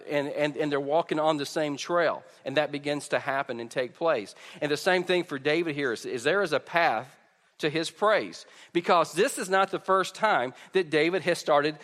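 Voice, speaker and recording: A man with a slightly high, fairly bright voice preaches a conversational sermon, stammering often on the openings of his phrases. He uses a pulpit or stage microphone through a PA, and the hall echoes with long reverb.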